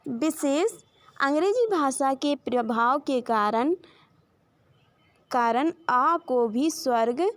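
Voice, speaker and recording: High-voiced woman teaching children Hindi letters. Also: expressive, no room sound. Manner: slow, drawn-out sounding of letters and example words; addresses the children directly, points to a chart. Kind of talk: children's Hindi grammar lesson.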